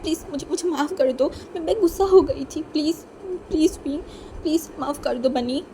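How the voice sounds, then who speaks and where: A woman doing a possessive young man in a fan storybook, in a slightly high, mellow voice. He presses hard with questions and stumbles through apologies. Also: unhurried, slight background noise, natural voice. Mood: apologetic. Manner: stern questioning, stammering apologies.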